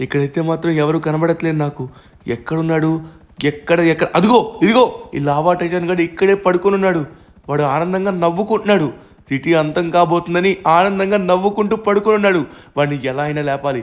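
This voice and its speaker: A man hosting gameplay role-play commentary, excitable and often shouting. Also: a little high, fast. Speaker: gaming YouTuber, host.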